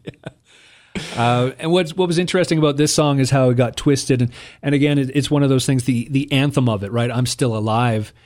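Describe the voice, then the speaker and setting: A man's voice: mid-range voice, brisk, darkish tone, dry recording. A man in casual chat, talking about a song in a loose, rambling way with fillers and restarts. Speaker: music commentator.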